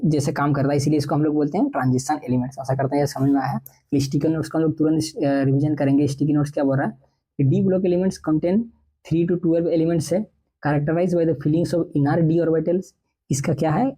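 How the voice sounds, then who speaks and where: A young man teaching chemistry for entrance exams, reading textbook lines slowly and then explaining them quickly in a mix of Hindi and English. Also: a little high, mellow, slightly rough, poor audio. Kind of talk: exam-prep lecture.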